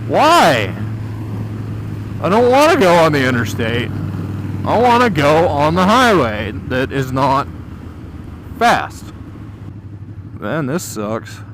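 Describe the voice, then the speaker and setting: A man's voice: on the high side, sing-song, takes it slowly, pauses often. A man giving casual, off-the-cuff riding commentary from inside a helmet, grumbling and swearing with dry humor. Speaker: motovlogger. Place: outdoors riding a motorcycle through city streets. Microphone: mic inside a helmet. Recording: clear engine and road noise. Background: motorcycle and traffic noise.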